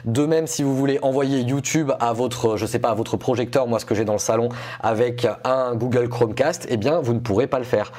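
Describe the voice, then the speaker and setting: A man's voice: mid-range voice, fairly even intonation, a little fast, a little mellow. A man explaining and reviewing gadgets to his viewers in a casual, explanatory way. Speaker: tech reviewer presenting a video test.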